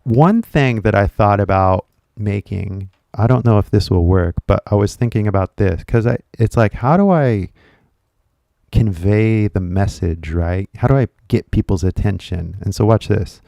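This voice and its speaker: A man's voice: fairly low pitch, slow, vocal fry, warm tone, no room sound, lo-fi sound. A man who is a native English speaker, chatting casually on a livestream as an English teacher, rambling and switching between Japanese and English with frequent laughter.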